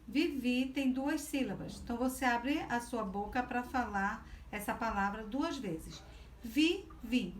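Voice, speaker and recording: A woman from Brazil, a teacher, walks through a lesson in a fairly high voice. She speaks very slowly and patiently, going step by step. A faint hiss of background noise sits under her voice. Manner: slow, patient, explaining step by step. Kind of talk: remote class lesson.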